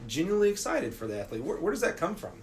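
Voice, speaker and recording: A middle-aged man hosting a podcast, chatting in a relaxed way with lots of fillers. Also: a little high, racing. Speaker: podcast host. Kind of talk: casual interview talk. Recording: faint background noise.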